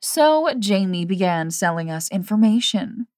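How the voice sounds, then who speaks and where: A callous woman who mocks others' pain, as a woman narrator puts her on, speaking in a slow, amused drawl. The reading is dry and close. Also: mid-range voice, sing-song, darkish tone, dry recording. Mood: mocking. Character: woman, mocking and callous schemer.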